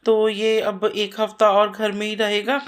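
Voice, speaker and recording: Chatty homemaker woman, flat monotone. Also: medium pitch, measured pace. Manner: homely, chatty, repeats herself with fillers. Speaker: vlogger and mother. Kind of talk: casual voice-over narration of household chores.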